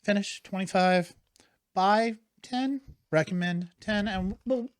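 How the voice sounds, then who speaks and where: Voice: medium pitch, takes it slowly, clean tone, no echo, clean studio sound. A co-host on a casual whiskey tasting show, easygoing and playful while giving scores.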